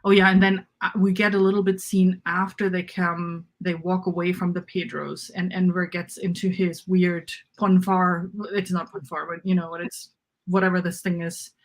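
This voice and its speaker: Speaking at a normal speed with a fairly low pitch and a flat delivery, this woman co-hosts a book discussion. It is a casual fan conversation about fantasy novels, and she muses aloud informally, frequently letting thoughts trail off.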